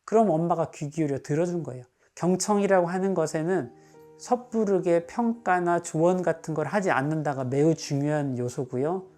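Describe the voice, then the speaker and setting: A male psychiatrist calmly explaining advice for parents, now and then acting out what a parent or child would say. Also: fairly high pitch, normal speed, soft background music.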